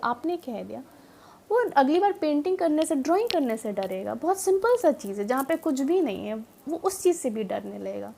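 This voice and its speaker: Woman teacher, high voice, earnest explaining to parents, lots of ums, slight background noise. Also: a little mellow. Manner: earnest, mixes English words into Hindi, frequent filler pauses. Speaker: educator.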